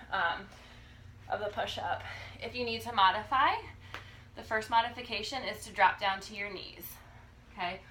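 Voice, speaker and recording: A woman in her thirties giving a casual, halting exercise demonstration as a fitness coach, often checking in as she instructs. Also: mid-range voice, pushed and bright. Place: living room, indoors. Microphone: phone or camera a few feet away. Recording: noisy home video, phone mic.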